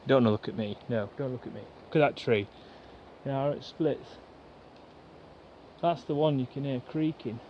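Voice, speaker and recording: A man chatting fast and rambling to the camera in a pine woodland, like a bushcraft vlogger. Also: mid-range voice, slight background noise. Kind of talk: casual rambling chat to camera. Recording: dull lo-fi outdoor recording, faint woodland ambience.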